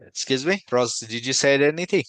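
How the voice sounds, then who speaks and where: A man from Ethiopia hosting a video call meeting and presenting, friendly and halting with many fillers and restarts. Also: medium pitch, fairly bright tone, no echo. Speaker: meeting host, company founder.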